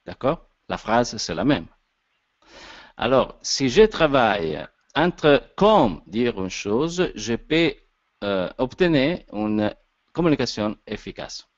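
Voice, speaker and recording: A man with an Italian accent, whose first language is Italian, gives an informal lecture as an actor and director, halting often and searching for his words. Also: medium pitch, sing-song, no room sound. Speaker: actor and director giving a talk on voice. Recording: dull lo-fi sound, dry.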